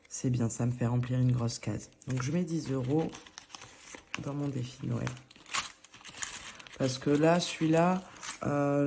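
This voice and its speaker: A slight hiss or hum sits under a woman's rumbling low, warm voice as she vlogs casually about her monthly budget. Chatty but a little hesitant, she talks through her envelopes as she goes and keeps restarting her sentences.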